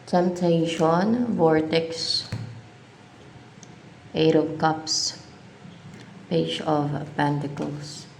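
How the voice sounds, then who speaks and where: A woman doing a tarot reading, musing slowly and questioning herself aloud as she reads the cards. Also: low voice, vocal fry. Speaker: tarot reader. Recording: echoey room, faint background noise.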